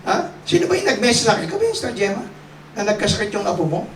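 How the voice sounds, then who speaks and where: A man's voice: sits high, rapid-fire, crowd noise. A man preaching as a pastor, joking and calling for amens from his congregation. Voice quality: joking, lively preaching with call-and-response. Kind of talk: sermon. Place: church hall with a congregation. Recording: roomy, distant mic, congregation.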